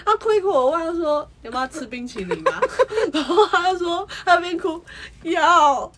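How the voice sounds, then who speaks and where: A woman's voice: very high voice, lively intonation, brisk, fairly bright tone, slight background noise. A woman co-hosting a podcast, chatting animatedly and often laughing while telling stories. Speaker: podcast co-host. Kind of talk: casual chat.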